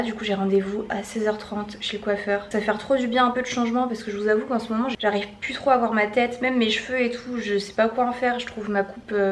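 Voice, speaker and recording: A young woman with a French accent chats casually to a handheld compact camera for her personal vlog, filmed outdoors on walks and at home. Her mid-range voice is full of fillers, restarts and self-corrections, with slight background noise.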